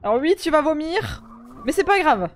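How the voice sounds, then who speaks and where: A woman's voice: high-pitched, sing-song, moderate pace. A woman hosting a gaming video, chatting casually with friends while she plays, full of hesitations and laughs. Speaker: gaming channel host. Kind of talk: casual gameplay chat with friends.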